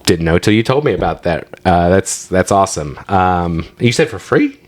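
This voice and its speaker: Male podcast co-host, lower voice, upbeat trivia-sharing banter. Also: lively intonation, normal speed. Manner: enthusiastic, chatty, trivia-sharing. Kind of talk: casual chat.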